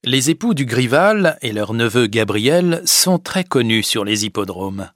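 Slow, lively-voiced male storyteller. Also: medium pitch, no room sound, clean studio sound. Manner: slow, clear, deliberate reading. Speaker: narrator. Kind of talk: scripted audiobook narration.

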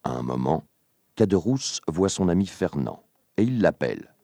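Man, calm measured audiobook narration, very deep. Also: dry recording, clean studio sound.

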